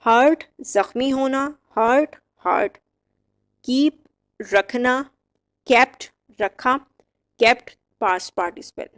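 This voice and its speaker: A woman teaching English verb forms, reciting each word slowly and clearly with short explanations. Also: on the high side, a bit bright. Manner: slow, drilled word-by-word recitation. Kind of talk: vocabulary lesson.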